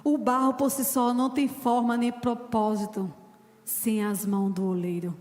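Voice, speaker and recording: A woman's voice: on the high side, flat delivery, moderate pace, darkish tone, in a large hall. A woman pastor, preaching a sermon with fervent personal testimony. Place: church.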